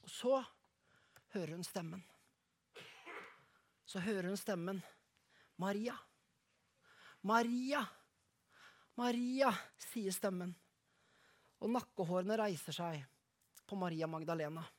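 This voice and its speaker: A woman preaching, retelling a story slowly and dramatically, then leading a prayer, often falling to a soft hush. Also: fairly low pitch.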